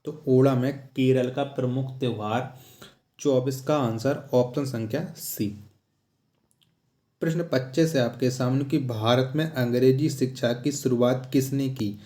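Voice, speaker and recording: A man with a mellow, mid-range voice teaches a quiz lesson as an exam-prep teacher, repeating questions and answers in a didactic style. The recording sounds echoey and roomy.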